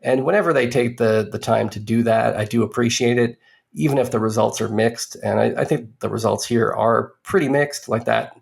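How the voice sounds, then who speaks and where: A man's voice: medium pitch, normal speed, vocal fry. A man co-hosting a podcast, giving a casual movie review in a rambling way with dry, sardonic asides.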